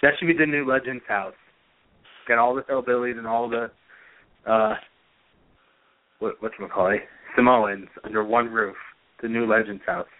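A man co-hosting a wrestling podcast, easygoing and quick to laugh. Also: medium pitch, fairly even intonation, dry recording. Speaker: podcast co-host. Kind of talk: casual chat. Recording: tinny phone-like dry sound.

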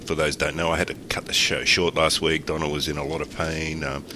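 A man's voice: extremely low pitch, little pitch movement, fast talker. An Australian man hosting a casual podcast, sounding congested and slightly crackly from a cold and sore throat. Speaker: podcast host.

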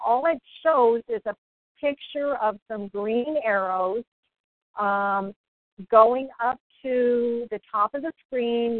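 A woman heard over a phone speaker, reading instructions aloud on a group call with halting pauses and fillers. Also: fairly high pitch, no echo. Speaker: meeting participant reading out instructions. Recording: tinny dry phone line.

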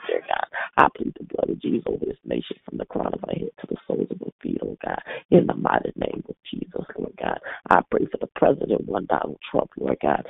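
A man leads a fervent prayer over a tinny phone line. His voice is extremely deep and gravelly, and it swings widely up and down as he punctuates each phrase with a refrain to God. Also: no echo. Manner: rhythmic, repeating "Lord God" and "oh God" after each phrase. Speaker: prayer leader.

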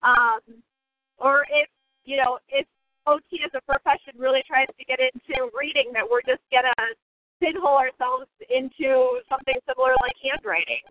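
A woman's voice: sits high, steady tone, normal speed, no room sound. A woman occupational therapist joining a casual discussion by phone while she drives, her line breaking up now and then as she searches for her words. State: connection breaking up. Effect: calling in on a phone while driving a car. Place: in a moving car. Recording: tinny phone line with faint car noise.

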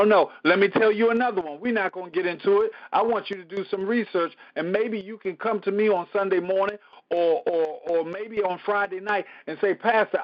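High-voiced preaching man, muffled audio. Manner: preaching, repeats phrases, swings from low murmur to loud emphasis. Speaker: pastor. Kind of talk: Bible study teaching.

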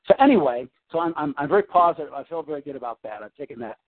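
A man with a slightly high voice and lively intonation talks very fast on a casual coaching call from home. He rambles about his work with many restarts and fillers over a tinny phone line.

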